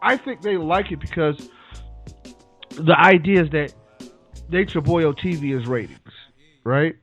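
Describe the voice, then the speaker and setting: A man's voice: a little high, measured pace, fairly bright tone, breathy edge. A man hosting a casual chat, recapping events in a laid-back storytelling way. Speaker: podcast host. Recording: muffled lo-fi with faint music.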